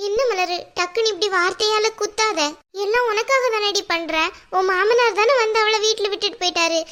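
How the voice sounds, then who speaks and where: A woman's voice: extremely high pitch, brisk, sharp tone. A woman voicing a worried mother in a cartoon, pleading and soothing her angry daughter. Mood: anxious. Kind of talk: cartoon voice acting.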